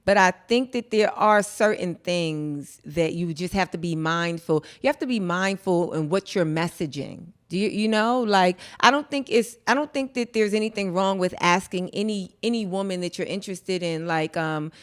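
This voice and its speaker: A woman's voice: fairly low pitch, normal speed, few pauses, clean tone. A woman who is a guest on a podcast, talking frankly and emphatically in casual chat and giving advice.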